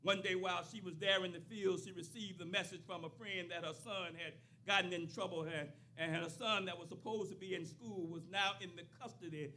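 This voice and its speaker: A man's voice: high voice, steady tone, fairly quick, hardly any pauses, sharp tone, slight background noise. An older man preaching a sermon at a church pulpit into a stand microphone, building into a rising, repeated cadence. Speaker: pastor.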